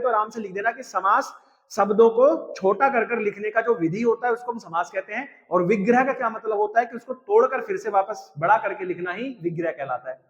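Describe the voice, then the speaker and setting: A young man teaching Hindi grammar for exams, pushy and coaxing, tagging his sentences with "है ना" and "भाई साहब". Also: high-pitched. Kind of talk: energetic exam-prep lesson. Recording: dull lo-fi audio with long reverb.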